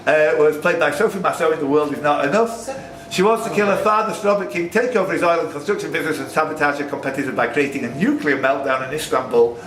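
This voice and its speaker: A quiz master runs a live quiz, reading questions aloud and bantering in a teasing, jokey manner. His voice is a little high and fairly bright, and he talks fast with few pauses. The recording is roomy and noisy, captured from a distance.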